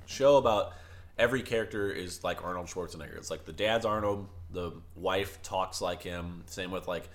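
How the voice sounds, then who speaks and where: A man's voice: deep voice, moderate pace. A man co-hosting a podcast in loose, enthusiastic casual chat. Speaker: podcast co-host.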